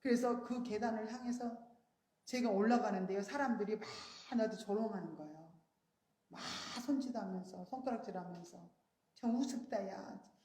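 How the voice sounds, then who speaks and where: A woman preaching a sermon, telling a story earnestly and rising high on her emphasized words. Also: a little fast, mellow, reverberant. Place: church sanctuary.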